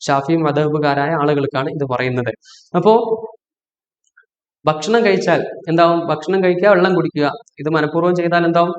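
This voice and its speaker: A man's voice: fairly high pitch, brisk, long pauses. A man giving a religious instruction talk as a preacher. He asks himself rhetorical questions, answers them, and keeps reminding listeners to pay attention. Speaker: Islamic preacher. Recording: echoey, dull lo-fi audio.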